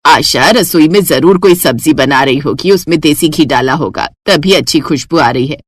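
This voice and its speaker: A woman voicing a haughty elder sister-in-law in a cartoon, loud and scolding. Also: low-pitched, normal speed, slightly rough, no echo, pitched below the performer's own voice. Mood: smug.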